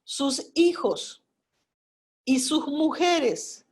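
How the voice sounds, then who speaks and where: A woman's voice: sits high, sing-song, drawn-out words, darkish tone. A woman preaching a Bible study, reading scripture verses aloud and addressing her listeners directly with emphasis. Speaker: Bible teacher.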